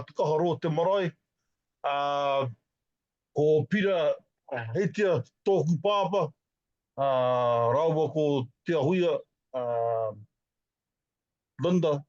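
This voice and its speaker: A man's voice: on the high side, darkish tone, highs cut off. A man with a Māori New Zealand accent hesitantly giving a casual family introduction. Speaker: participant introducing his family.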